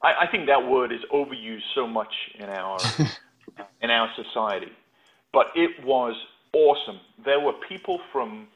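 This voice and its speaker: A man's voice: medium pitch, unhurried. A middle-aged man from North Yorkshire, a podcast guest telling his story in a reflective, stop-and-start way. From England, North Yorkshire. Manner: reflective, with frequent restarts. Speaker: podcast guest, patent consultant. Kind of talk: casual interview talk. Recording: tinny phone-like line.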